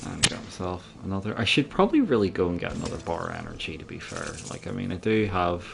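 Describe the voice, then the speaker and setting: A man's voice: sits low, animated, quick pace, vocal fry, noisy background. A man giving casual, sweary, joking gameplay commentary to a friend. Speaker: gamer playing through a video game.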